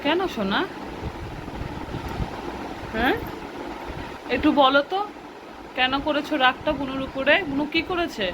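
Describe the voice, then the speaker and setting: High-voiced mom coaxing her kids. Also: measured pace, long pauses. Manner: coaxing and repetitive with her children, chatty aside to viewers. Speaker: mother and home vlogger. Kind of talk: casual home vlog, talking to her children and viewers. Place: at home, indoors. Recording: noisy home recording with vehicle sounds.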